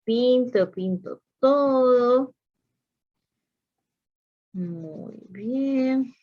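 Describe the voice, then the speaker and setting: A woman's voice: on the high side, drawn-out words, muffled recording. A woman preschool teacher talking to small children as if to toddlers, in simple, repetitive, sing-song encouragement. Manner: repeats phrases and questions for young listeners.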